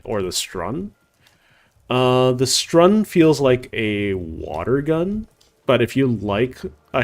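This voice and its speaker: A man giving casual gameplay commentary as a streamer, rambling with many "like"s and "uh"s. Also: mid-range voice. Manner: rambling, heavy on "like" and "uh".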